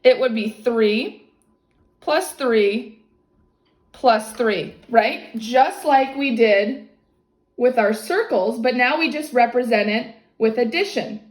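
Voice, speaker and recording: Female tutor, high voice, patiently explaining to a young child step by step, encouraging, roomy echo on the recording. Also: takes it slowly. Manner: encouraging, explains step by step with frequent checks for understanding. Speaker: maths teacher tutoring a child. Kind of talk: one-on-one lesson, explaining to a child. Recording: echoey, roomy sound.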